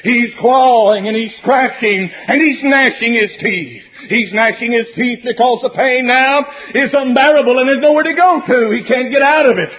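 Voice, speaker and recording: A man with a strikingly high voice preaches hellfire and damnation at a normal pace with few pauses, his tone fairly bright. He's dramatic and repetitive, drawing out phrases to hammer each warning home, and the audio is poor.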